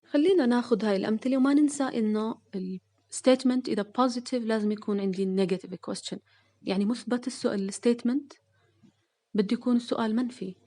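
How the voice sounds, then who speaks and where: A woman's voice: fairly high pitch, warm tone. Woman teaching English grammar. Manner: slow, stressed English example sentences with rising question tags; mixes Arabic and English terms. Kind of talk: explaining a grammar lesson.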